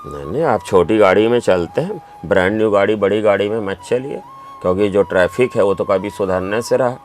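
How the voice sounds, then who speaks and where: A man's voice: on the low side, brisk, a little mellow, faint music behind. A man who is a doctor and writer, answering interview questions with emphatic, anecdotal storytelling.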